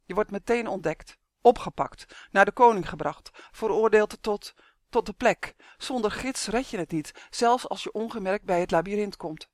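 A reader voicing a timid, kind-hearted old gnome who speaks cautiously and haltingly, in an audiobook. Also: mid-range voice, a little mellow, no room sound, clean studio sound, voice pushed up, close to an everyday voice. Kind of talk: audiobook character voice.

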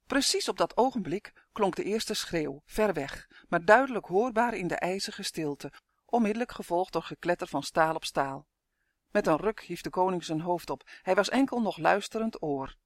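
A man's voice: high voice, moderate pace, dry recording, clean studio sound. A man narrating a fantasy storybook in a vivid, dramatic reading. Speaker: audiobook narrator.

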